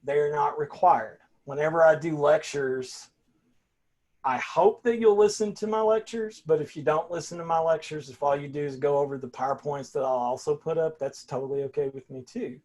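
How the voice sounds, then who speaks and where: A man's voice: a little high, moderate pace, a little mellow. An older man, a college philosophy instructor talking casually to his class over a video call, folksy and rambling, often restarting his sentences.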